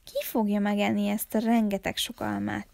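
A woman reading aloud, voicing a small village boy who speaks softly and hesitantly. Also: mid-range voice, level tone, creaky, dry recording. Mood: eager. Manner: soft, hesitant, then eager. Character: small village boy, timid but eager.

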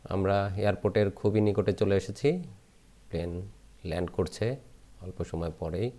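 A man in his thirties from Bangladesh, calmly narrating his travel vlog from his phone at arm's length, with small restarts. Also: deep voice, normal speed. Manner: calm, descriptive, with small restarts. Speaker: travel vlogger. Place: outdoors at a lakeside hotel garden. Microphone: phone selfie at arm's length.

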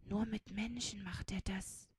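A woman voicing a tall, slow-moving young fellow in a storybook, speaking calmly and matter-of-factly. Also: medium pitch, slightly rough, no room sound, studio quality. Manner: slow, calm, matter-of-fact.

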